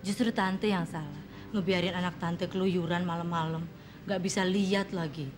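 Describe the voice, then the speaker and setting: An actress playing a middle-aged mother who speaks softly and politely, blaming herself. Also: on the low side, fairly even intonation, moderate pace, music in the background, natural voice. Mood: subdued. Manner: soft, self-blaming, polite. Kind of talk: TV drama acting.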